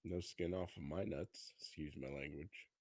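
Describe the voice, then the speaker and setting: A man playing a tabletop game over voice chat, making quiet, low-key side remarks. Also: fairly even intonation, moderate pace, no echo. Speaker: player.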